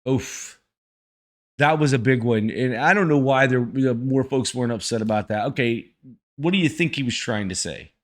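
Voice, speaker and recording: A man's voice: mid-range voice, moderate pace. A man giving casual, folksy reaction commentary as the host of a video channel.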